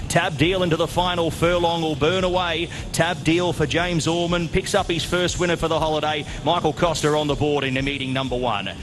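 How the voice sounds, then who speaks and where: A man's voice: a little high, flat delivery, fairly quick, background noise. A man calling a horse race live as a race caller, in short running phrases. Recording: music playing behind the voice. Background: music.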